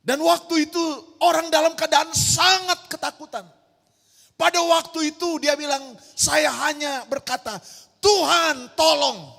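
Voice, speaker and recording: A woman's voice: high-pitched, fairly even intonation, normal speed, creaky, fairly bright tone. A woman pastor preaching an emphatic sermon, firing rhetorical questions at her congregation in a large church hall. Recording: long church-hall reverb.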